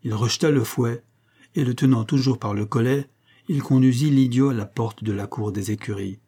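Husky, dark-voiced male narrator. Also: medium pitch. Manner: measured storytelling delivery. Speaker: audiobook narrator. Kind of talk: scripted literary narration.

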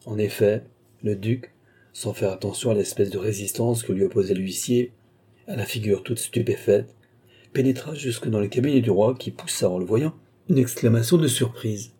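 Husky dark-voiced man reading a novel. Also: normal speed. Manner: voices the characters' dialogue with lively pitch lifts. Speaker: audiobook reader. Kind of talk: scripted narration of a classic novel.

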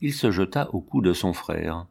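A man narrating a storybook aloud in a measured, even reading voice. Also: deep voice, creaky, breathy edge. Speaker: audiobook reader.

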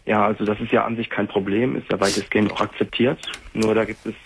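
Creaky low-voiced young male caller. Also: level tone, fast talker, a little hiss or hum. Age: 20s. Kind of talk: personal phone conversation.

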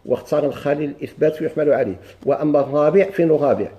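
A man with a Moroccan Arabic accent teaching a grammar lesson. He reads lines of a text slowly, asks the class questions and answers them himself. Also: a little high, muffled recording.

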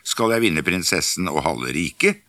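A man's voice: low-pitched, animated, bright, forceful tone, no room sound, studio quality, heavily acted. A man voicing a cheerful, boastful youngest peasant brother in a fairytale reading, with a gleeful singsong.

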